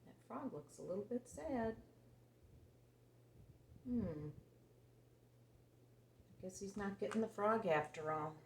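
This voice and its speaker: Pausing often and speaking slowly, a woman narrates a picture book to little kids in an animated, simple way, asking them questions along the way. Her pitch is medium. Faint background noise and a roomy echo can be heard.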